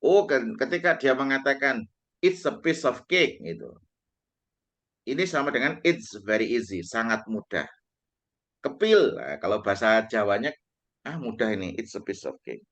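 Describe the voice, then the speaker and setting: A man's voice: mid-range voice, expressive, fairly bright tone. Male English teacher. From Indonesia. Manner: explains slowly, quotes English phrases with emphasis. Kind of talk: online class lecture.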